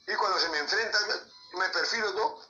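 Animated Peruvian man telling football stories. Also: sits high, fast talker, reverberant, dull audio, soft background music. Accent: Peruvian Spanish. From Peru. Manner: animated storyteller with sound effects and laughter. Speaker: former footballer guest. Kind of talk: anecdotal interview storytelling.

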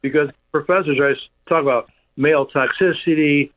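A man calling in to a radio show on a speakerphone from his office, ranting in a rapid, heated way. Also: fairly high pitch, steady tone. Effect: calling in on a speakerphone over a phone line. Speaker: radio call-in caller. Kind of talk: call-in talk radio. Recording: tinny speakerphone line.

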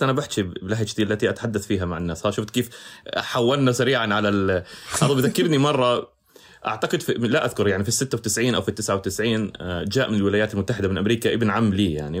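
A low-voiced man speaks very rapidly in a Palestinian Arabic accent from the villages around Jerusalem and Ramallah. He talks in a reflective interview style, blending village dialect with bookish formal phrasing. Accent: Palestinian Arabic, rural Jerusalem and Ramallah area. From Palestine, villages near Jerusalem and Ramallah. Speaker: podcast guest.

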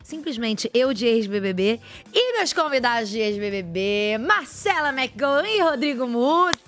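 A woman hosting a casual talk show, sounding chatty and playful. Her voice sits a little high, and she banters easily while steering the conversation. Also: very animated, unhurried, fairly bright tone, soft background music. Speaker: host.

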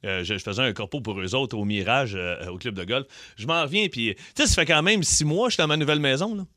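A man's voice: medium pitch, expressive, fast talker, sharp tone, no room sound, clean studio sound. A middle-aged man with a Quebec French accent hosting a comedic radio quiz, joking and laughing as he reads out clues. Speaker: radio show host.

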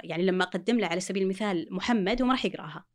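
A woman's voice: medium pitch, rapid-fire. A woman, explaining reading step by step with examples as a guest. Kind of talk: explanatory talk show chat.

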